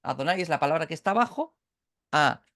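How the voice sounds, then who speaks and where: A Catalan man leads a relaxed online Bible class over video call, walking through the material step by step, often restarting and checking that listeners follow. His voice is fairly high, animated and fast, with a fairly bright tone. The sound is clean studio quality with no room echo.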